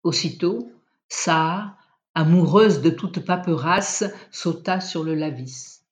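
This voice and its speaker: Slow, measured literary narrator. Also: mid-range voice. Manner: measured, unhurried storytelling. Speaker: audiobook reader.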